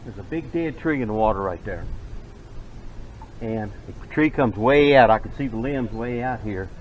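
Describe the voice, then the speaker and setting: Older man, lowish voice, folksy fishing chat, outdoors by a lake, background noise. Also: animated, moderate pace, dull audio. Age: older, retired. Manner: folksy, plain-spoken. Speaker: fishing vlogger.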